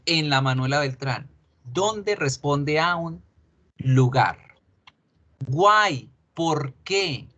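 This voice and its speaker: Slow, patient teacher. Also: male voice, on the high side, fairly bright tone. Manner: patient, explains step by step, checks understanding. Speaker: English teacher. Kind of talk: online class explanation.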